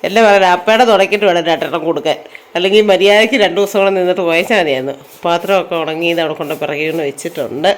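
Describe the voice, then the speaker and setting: Quick-talking Idukki Malayalam woman vlogger. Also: fairly low pitch. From Kerala. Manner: chatty, tags sentences with "you know". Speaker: home vlogger. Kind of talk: casual chat while doing chores. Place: home and yard.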